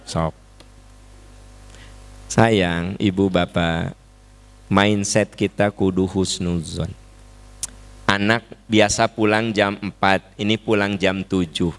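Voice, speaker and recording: A man with a Sundanese accent preaching to a congregation, lively and conversational, with rhetorical questions and sudden rises and drops in his voice. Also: deep voice, slow pace, creaky, pauses often, clean tone. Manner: lively, acts out quoted dialogue, swings between hushed and raised voice; mixes colloquial asides and rhetorical questions. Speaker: Islamic preacher. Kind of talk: religious lecture to a congregation.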